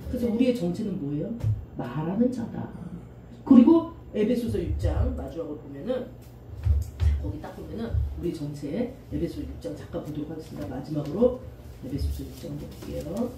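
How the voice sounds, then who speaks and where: A middle-aged woman pastor preaching a sermon, animated and often acting out the voices of the people in her stories. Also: deep voice, a little fast, over music. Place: church sanctuary. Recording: echoey church room from a distance, faint noise.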